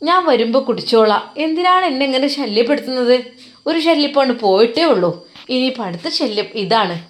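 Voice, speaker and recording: A woman's voice: a little high, animated, a little fast, pitched above the performer's own voice, lightly acted. A woman voicing a sulky, dismissive young bride who snaps irritably. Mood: irritated. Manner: snapping, irritated complaints.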